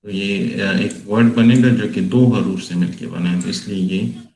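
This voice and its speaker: A man tutoring on poetic meter, explaining slowly and patiently with many pauses during a screen-share session. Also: fairly low pitch, steady tone, darkish tone, reverberant, low-quality recording. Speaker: tutor explaining Urdu prosody software.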